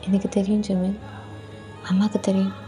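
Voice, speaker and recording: A woman plays a gentle mother in a storybook reading, comforting her son in a soft, hushed voice. Her tone is mellow and warm, with faint music behind her. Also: medium pitch, completely flat delivery, normal speed, pitched below the performer's own voice, natural voice. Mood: soothing.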